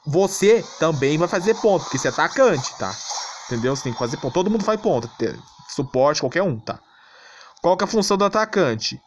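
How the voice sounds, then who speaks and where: This Brazilian man, who hosts a gaming channel, talks fairly quickly in a voice on the high side with big pitch swings. His casual tutorial on gameplay comes across blunt and exasperated, full of check-in questions to see if the listener follows. Clicking and background noise are audible.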